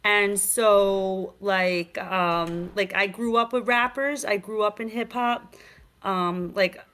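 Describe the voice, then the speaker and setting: A bright, energetic woman from New York appears remotely as a guest on a virtual talk show, chatting casually about being a game creator. Her medium-pitched voice moves slowly, streetwise and packed with fillers like "like" and "you know."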